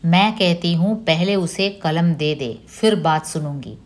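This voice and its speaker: A woman's voice: fairly low pitch, a little slow, natural voice. A woman reading as an angry scolding mother. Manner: sharp, commanding. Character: angry, scolding mother losing her patience.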